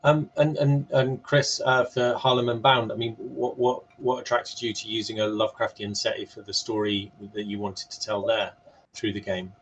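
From a room at home, a man moderates a panel over a video call, asking his questions in a hesitant, rambling way. His voice is fairly low with little pitch movement and a moderate pace. The audio is dull and compressed, with slight background noise.

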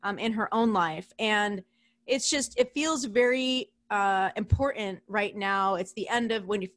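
A woman hosting a casual podcast interview, chatty and quick to laugh, with casual swearing. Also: medium pitch, fairly bright tone. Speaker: podcast host.

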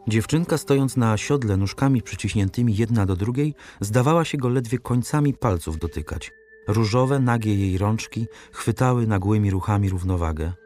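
Male audiobook narrator, lowish voice; steady, dramatic literary reading over soft music. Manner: measured, dramatic storytelling.

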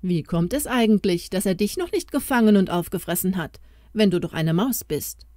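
A young fairy-tale lad on a quest speaks with doubt and weary sighs, as a woman reader plays him. His voice stays close to hers, mellow and dark, with a lively rise and fall. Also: medium pitch, moderate pace, no room sound, close to an everyday voice. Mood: wary, doubtful. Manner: doubting, sighing.

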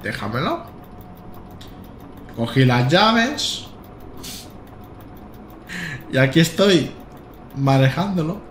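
A man's voice: a little high, sing-song, very slow, long pauses, roomy sound, slight background noise. A man in his thirties from Spain, chatting casually and joking as he drives a train in a live-streamed simulator game. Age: 30s. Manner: joking and rambling, with stammered restarts and bursts of laughter. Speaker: gaming streamer.

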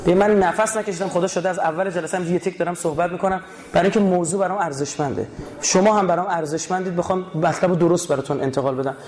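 A man from Iran giving an animated religious lecture to a live audience, asking rhetorical questions and explaining words one by one. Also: high voice. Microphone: recording his own lecture.

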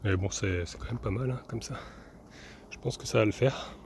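Working partly outdoors on a camper van roof, this young man narrates his do-it-yourself project in an easygoing vanlife-vlogger style, full of fillers and false starts. He talks at a normal pace in a lower, darkish voice, with a faint hiss or hum behind him.

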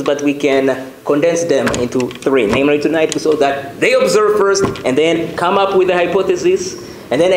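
A man giving a formal talk at a club meeting, measured and explanatory like a teacher. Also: fairly high pitch, a little mellow. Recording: echoey room with faint noise.

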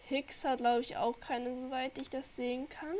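Her voice is high and darkish, with a level tone at normal speed. She's a young woman from Germany, sick with a cold, rambling chattily to viewers through a desk mic while she plays games on her channel.

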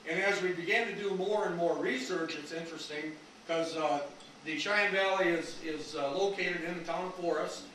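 Male speaker, 60s, American Midwestern, projected coach's voice, slightly high, folksy public talk, very echoey room. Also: normal speed, sharp tone, recorded from a distance. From rural Wisconsin, USA. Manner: informal, folksy, rambling asides. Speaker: lecturer, retired history teacher. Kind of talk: informal public talk to a live audience. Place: community meeting room, indoors. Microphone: no microphone, picked up from across the room. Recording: echoey room from afar, faint noise.

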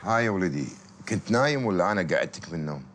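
An actor in his fifties playing a gentle, devout working-class father in a TV drama, with a Gulf Arabic accent and fatherly manner. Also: low-pitched, expressive, very fast, a little hiss or hum. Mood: fatherly, calm. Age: 50s. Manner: fatherly, addresses listener as son, blessing phrases. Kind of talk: naturalistic TV drama acting.

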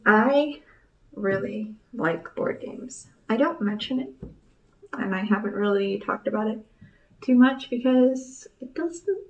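A woman's voice: on the high side, animated, takes it slowly. A young American woman chatting casually as a video host, keeping her voice down in a library study room, slightly muffled by a mask and picked up by a camera across the table. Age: young adult. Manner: voice kept down for a library, not whispered. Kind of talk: casual vlog chat. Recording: voice picked up from a distance.

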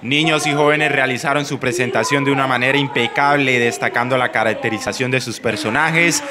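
A man's voice: mid-range voice, brisk. A man with a Colombian accent reading scripted news narration as a reporter. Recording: crowd noise behind voice-over. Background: event audience.

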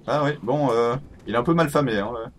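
A man's voice: medium pitch, brisk. A man co-playing a game, answering in a laid-back, dry way. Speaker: co-player. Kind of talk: casual let's play chat.

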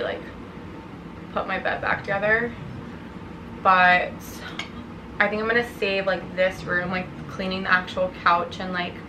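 A young woman vlogging from her living room couch, tired and chatty, talking casually and saying "like" a lot. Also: medium pitch. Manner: relaxed, chatty, heavy use of "like". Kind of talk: casual vlog chat. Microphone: camera on a tripod. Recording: roomy home recording with faint hiss.

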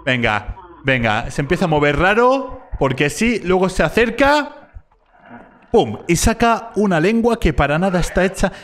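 A man giving sarcastic, jokey reaction commentary on a video, mocking it and jumping up in pitch when he exclaims. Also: sing-song, moderate pace, a bit bright.

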